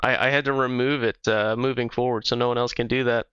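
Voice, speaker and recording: A man's voice: medium pitch, steady tone, fast, a bit bright, clear, resonant tone, dry recording. A man livestreaming a game, chatting casually with viewers in a loose, profane way. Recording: slightly dull stream audio with music.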